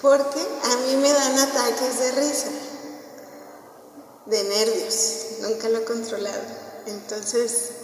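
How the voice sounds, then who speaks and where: A woman's voice: a little high, little pitch movement, takes it slowly. A woman with a Mexican accent gives an informal parish talk on family life, telling stories and often checking in with her listeners. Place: parish hall. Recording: very echoey hall, voice from far off, faint noise.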